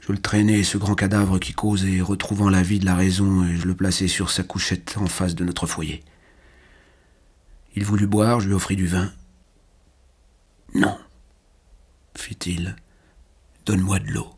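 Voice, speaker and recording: A man reading a literary novel aloud as a first-person audiobook narrator, in a measured, quietly emotional manner. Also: sits low, flat delivery, breathy edge.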